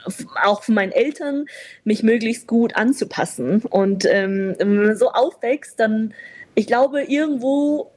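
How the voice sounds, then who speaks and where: A woman's voice: on the high side, unhurried, a little mellow, no echo. Reflective woman. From China, raised in Vienna. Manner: reflective, open, many fillers. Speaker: guest. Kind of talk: conversational interview.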